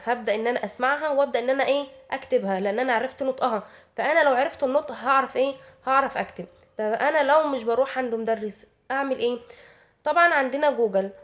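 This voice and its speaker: A woman with an Egyptian Arabic accent giving casual study advice to her viewers, chatty and answering her own rhetorical questions. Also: sits high. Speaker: YouTuber giving study tips.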